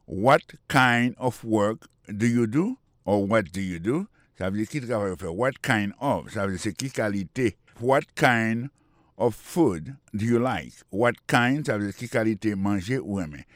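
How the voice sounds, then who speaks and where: A man hosting a radio English lesson who explains words slowly, repeats them and spells them out letter by letter. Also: lowish voice, lively intonation, no echo, clean studio sound. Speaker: radio English teacher and host.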